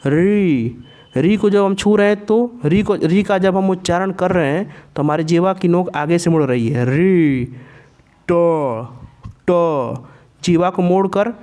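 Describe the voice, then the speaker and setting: A man's voice: high-pitched, a little mellow. A man teaching a Sanskrit pronunciation lesson, carefully sounding out each letter aloud for learners. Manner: slow and deliberate, repeats each sound aloud to demonstrate. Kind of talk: explaining a grammar lesson.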